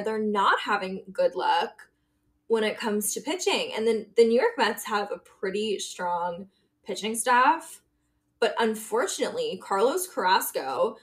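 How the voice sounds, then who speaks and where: A woman co-hosting a sports podcast in casual chat, emotional and quick to laugh. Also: medium pitch, a bit bright. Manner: emotional, chatty, laughs often. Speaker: podcast co-host.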